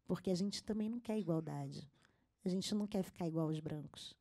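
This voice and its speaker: Female panelist, mellow tone, earnest and emphatic delivery. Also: on the low side, brisk. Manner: earnest, emphatic, frequent fillers. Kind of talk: panel talk. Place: symposium stage.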